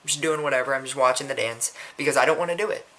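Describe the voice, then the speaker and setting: Guy vlogging a story, bright forceful voice, keeps restarting sentences, swears casually. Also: medium pitch, very fast. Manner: rambling, frequent restarts, blunt and profane.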